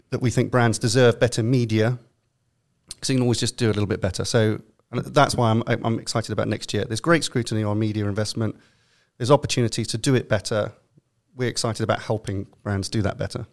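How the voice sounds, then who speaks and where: London-accented male CEO guest, lower voice, rambling and filler-heavy. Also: steady tone, a little fast, vocal fry. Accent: London English. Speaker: consultancy CEO, panel guest. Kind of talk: podcast panel discussion.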